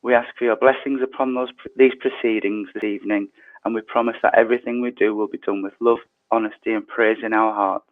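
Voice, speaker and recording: A man leading an online prayer service, his voice tinny through an earpiece mic, reading prayers softly and slowly. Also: fairly low pitch, steady tone. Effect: tinny sound from a changed earpiece mic. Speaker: service leader. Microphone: earpiece headset mic. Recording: tinny phone-like online call.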